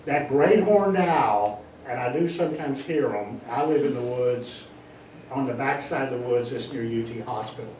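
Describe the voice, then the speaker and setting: An older man giving a casual public talk about birds, chatty and animated, sometimes acting out bird calls. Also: mid-range voice, normal speed. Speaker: guest speaker on birds. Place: library meeting room. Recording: echoey room, distant mic, faint hiss.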